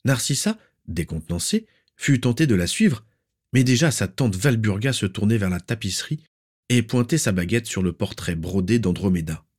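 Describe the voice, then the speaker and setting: Low-voiced man reading fiction aloud. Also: lively intonation, normal speed, darkish tone. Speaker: audiobook reader.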